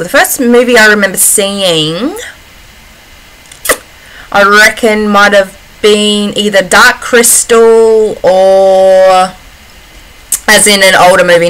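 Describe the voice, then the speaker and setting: A woman's voice: mid-range voice, fairly bright tone, rough recording. An Australian woman chatting casually as she answers personal questions in a vlog, often breaking off and restarting in a giggly, informal way. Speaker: vlogger.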